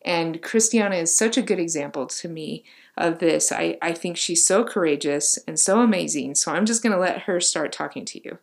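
A woman's voice: fairly low pitch, moderate pace, creaky, hardly any pauses. A woman hosting a faith podcast, talking casually with lots of fillers and gushing praise for her guest. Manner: warm, gushing, filler-heavy with many "like"s. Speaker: podcast host.

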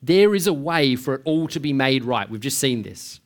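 A man's voice: medium pitch, lively intonation, normal speed. A man preaching a sermon in a conversational way, asking rhetorical questions and often restarting his sentences. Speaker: pastor.

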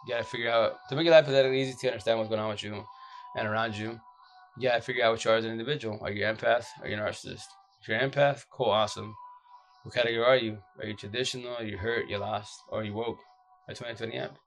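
A man with a deep, groggy, exhausted voice giving casual, blunt relationship advice off the cuff in slangy, repetitive phrases. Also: steady tone, rapid-fire, a little hiss or hum. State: exhausted, short of sleep. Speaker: social media advice streamer.

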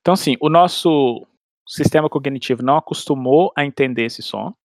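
A man's voice: mid-range voice, a little fast, dry recording, studio quality. A man, explaining language learning in casual chat with everyday analogies and frequent restarts. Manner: explains with everyday analogies and acted-out inner dialogue. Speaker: language expert guest.

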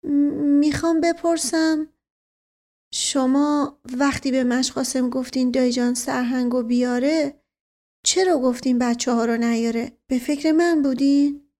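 A woman's voice: sits high, steady tone, a little mellow, voice pushed up, lightly acted. A woman voicing a fretful, lovesick young man who asks hesitant, pleading questions in an audiobook. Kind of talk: audiobook character reading.

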